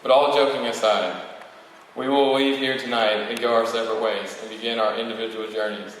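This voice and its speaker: A young man of about eighteen, the student valedictorian, reads a prepared podium speech to an audience, stumbling occasionally. His mid-range voice is level, fairly quick, and fairly bright. The large hall is very echoey, with a distant mic and faint noise.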